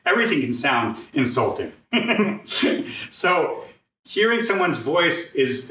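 A man's voice: medium pitch, sharp tone, far from the mic. A man teaching healing vowel sounds as a podcast guest, singing each tone and checking in with "right?". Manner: demonstrates vowel tones by singing them; earnest, ends points with "right?". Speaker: vocal sound healer guest. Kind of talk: guided chakra sound teaching. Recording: echoey room, voice off-mic.

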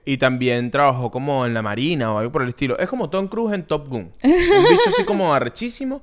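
A young man co-hosting a podcast in casual, animated chat. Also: a little high, clean tone. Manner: animated, acts out voices and laughs often. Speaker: podcast co-host.

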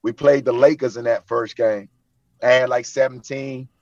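A man's voice: medium pitch, moderate pace, no room sound. A man in his forties, a former pro basketball player, telling stories in casual chat and acting out what others said. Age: 40s. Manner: animated, quotes others in lively voices. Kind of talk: casual storytelling. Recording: slightly lo-fi, dry.

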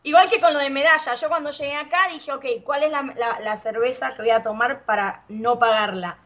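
A woman from Argentina with an Argentine Spanish accent sprinkled with Puerto Rican words, chatting casually, swearing freely and telling animated stories. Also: high-pitched, fairly quick, lo-fi sound. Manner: swears freely, animated storytelling with put-on voices. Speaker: guest. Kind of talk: casual chat.

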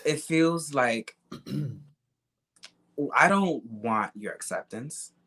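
A man's voice: medium pitch, expressive, very slow, sharp tone. A young man, talking casually and candidly in an emphatic, repetitive, slangy way with some swearing.

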